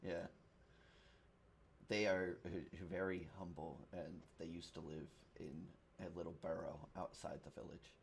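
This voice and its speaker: A man improvises tabletop narration as game master. His voice is deep with plenty of fry, and his delivery is halting and casual. Faint noise sits in the background. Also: little pitch movement.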